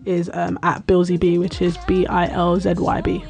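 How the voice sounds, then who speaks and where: A woman's voice: lowish voice, completely flat delivery, normal speed, vocal fry, a little mellow. A young woman, a podcast guest chatting casually and joking at herself. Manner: chatty, self-mocking. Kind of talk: casual chat.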